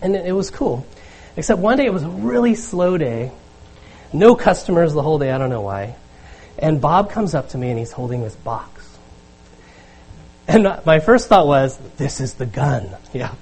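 A man telling a personal story to an audience, animated and laughing often as he acts out what people said. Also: on the high side, slightly rough, poor audio.

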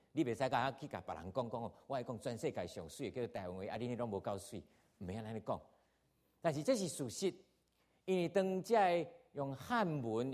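A man preaching in an earnest, teaching tone, with a Taiwanese accent. His voice sits at an ordinary middle pitch as he reads scripture and explains it, leaning hard on key words and then dropping back down. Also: darkish tone. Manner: earnest, emphatic teaching with rising and falling emphasis. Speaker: pastor. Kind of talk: sermon with scripture reading.

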